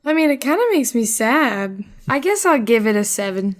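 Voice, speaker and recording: Deadpan teasing woman co-host, fairly high voice. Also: moderate pace. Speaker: podcast co-host. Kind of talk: casual chat.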